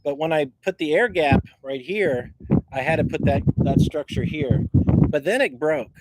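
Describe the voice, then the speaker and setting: A man walking around outdoors on his property, casually showing things off to a handheld camera in a halting, rambling way that keeps repeating words. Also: on the high side. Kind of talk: casual rambling show-and-tell. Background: faint wind noise.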